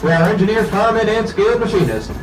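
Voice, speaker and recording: Male train conductor, upbeat and folksy, heard through an echoing outdoor loudspeaker from far off. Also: sits high, expressive, quick pace, noisy background. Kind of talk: tour announcements to passengers. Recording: echoey loudspeaker heard from far off, music behind.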